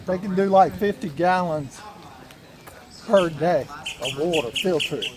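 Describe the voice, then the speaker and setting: A man's voice: high-pitched, a little slow, background noise. A man giving easygoing, explanatory commentary outdoors as he walks along a marina. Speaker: vlog co-host. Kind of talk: casual walking-tour commentary. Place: outdoors at a waterfront marina, walking.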